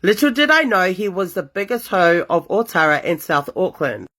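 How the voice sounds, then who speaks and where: Reading listeners' confessions as host, a young woman reacts animatedly and tosses in sassy comments between stories in this laid-back storytime. She speaks at a moderate pace with a fairly low pitch.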